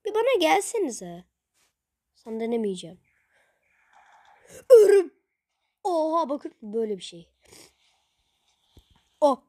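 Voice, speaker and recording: A playful woman narrating her gameplay to viewers in a high, bouncy voice. She takes her time, drawing out her words unhurriedly, and sounds a little under the weather. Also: unhurried, pauses often. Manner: playful, excitable, talks to viewers. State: slightly ill, voice a little changed. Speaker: gaming video creator. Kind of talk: casual gameplay commentary.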